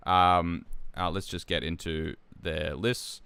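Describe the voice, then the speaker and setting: A young man hosting a live stream as tournament organizer, chatting casually and relaxed, with lots of ums and restarts. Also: sits low, takes it slowly, creaky, clear, resonant tone, dry recording. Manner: relaxed, with frequent fillers and restarts.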